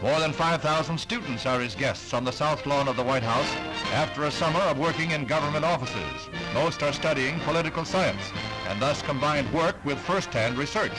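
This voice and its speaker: Male old-newsreel announcer, slightly high voice, formal delivery, music bed underneath. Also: moderate pace, low-quality recording. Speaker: newsreel narrator. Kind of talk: 1960s newsreel narration. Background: music under the narration.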